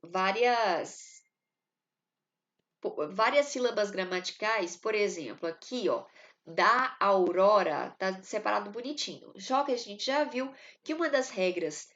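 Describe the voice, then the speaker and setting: A woman's voice: mid-range voice, animated, a little slow, fairly bright tone, highs cut off. A woman teacher explaining poetry meter to her students, talking them through step by step with frequent fillers. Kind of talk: recorded class lesson.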